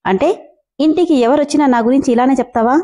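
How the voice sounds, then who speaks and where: A cold, arrogant young husband barks curt orders and scolds, as a woman narrator reads him. The voice stays mellow and only slightly lowered, with a clipped, impatient edge. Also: fast, close to an everyday voice. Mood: stern.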